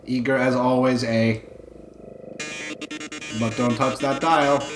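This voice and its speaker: A theatrical robot showman from a video game, acted out by a man, menacing and grandiose. He draws out his lines with dramatic pauses. The sound is echoey, with music playing behind. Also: medium pitch, steady tone, close to an everyday voice. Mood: menacing, showy. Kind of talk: game dialogue read aloud.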